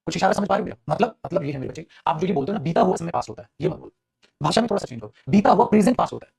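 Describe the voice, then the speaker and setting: A man running an English grammar class, rattling along at a very fast pace with a high, gravelly voice. He keeps calling his students "beta" and answers his own questions in their voice. A crowd is heard in the background. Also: lively intonation. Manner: acts out students' replies in a lower voice. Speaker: English teacher.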